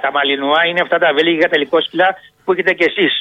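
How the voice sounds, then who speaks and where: A man calling in about his dogs, talking in a rambling, halting way that keeps repeating itself. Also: fairly high pitch, steady tone, dry recording, muffled recording. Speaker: caller, dog owner. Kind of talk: phone conversation.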